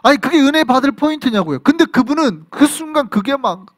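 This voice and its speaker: A man from South Korea, a pastor preaching an animated sermon at a Friday prayer service in church. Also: very high voice, brisk. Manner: animated preaching, acts out voices and reactions. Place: church sanctuary.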